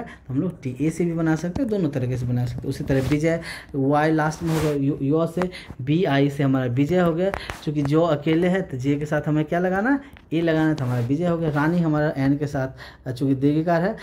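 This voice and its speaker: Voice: mid-range voice, dark tone. A teacher explaining a lesson patiently. They repeat points, check in often with the class, and hesitate and restart a lot. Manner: patient, repetitive, checks in with "right?"; hesitant with many fillers and restarts.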